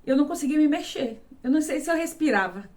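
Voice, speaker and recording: An adult Brazilian woman giving a personal testimony, halting and emotional, often repeating words. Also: high-pitched, animated, darkish tone. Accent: Brazilian Portuguese. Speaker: vlogger.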